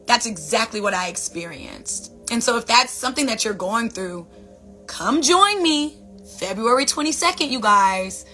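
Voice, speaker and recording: A woman's voice: a little high, lively intonation, moderate pace, pushed and bright, soft background music. A woman hosting her own vlog, talking casually and expressively to viewers. She repeats phrases for emphasis and calls them "baby" and "you guys". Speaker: vlog host, wellness speaker. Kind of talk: casual motivational talk to camera.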